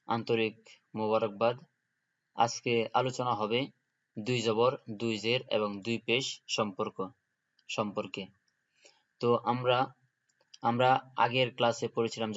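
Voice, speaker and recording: Male Quran tutor, methodical and patient, average pitch, slightly muffled lo-fi recording. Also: fairly bright tone. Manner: patient, repeats each letter sound methodically. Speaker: Quran teacher. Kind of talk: slow step-by-step spelling drill.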